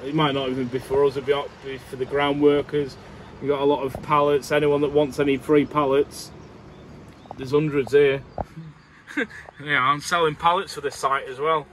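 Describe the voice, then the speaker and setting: Perched in a tower crane cab high over a site, a Lancashire-accented man from Morecambe gives casual vlog commentary on his crane work, chatty and rambling with easy chuckles. His fairly high, slightly bright voice stays level at a moderate pace, and the rough recording has a little hiss or hum.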